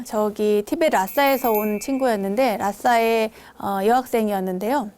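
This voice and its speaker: A middle-aged woman, a Buddhist nun hosting the program, telling stories from temple life in a dharma talk, sometimes acting out the scolding voices of the people in them. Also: fairly high pitch. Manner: warm storytelling, acts out quoted scolding.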